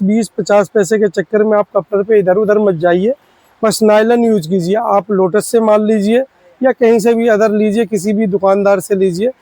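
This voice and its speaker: Man, shop owner, pleading and repetitive pitch, high voice, dry close sound. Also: warm tone, no room sound, poor audio. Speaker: spare parts shop owner. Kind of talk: product explainer to shopkeepers.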